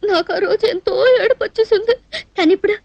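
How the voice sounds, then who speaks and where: A woman's voice: very high voice, steady tone, fast, darkish tone, dry recording, dull audio. An actress playing a naive young woman in a dubbed comedy film scene, talking in a whiny, teary way. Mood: tearful. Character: tearful naive young woman, sulky and sweet.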